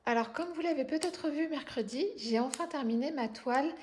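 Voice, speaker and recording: A woman's voice: high voice, moderate pace, a little mellow, a little hiss or hum. A woman from France hosting her craft channel, chatting casually at home while unboxing, with many hesitant fillers and self-corrections. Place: home indoors.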